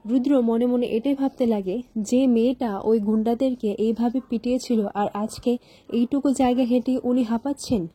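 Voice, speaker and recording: Husky woman retelling a story. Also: fairly high pitch, normal speed, no echo. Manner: steady, plain storytelling. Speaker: story recap narrator. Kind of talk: retelling a TV serial episode.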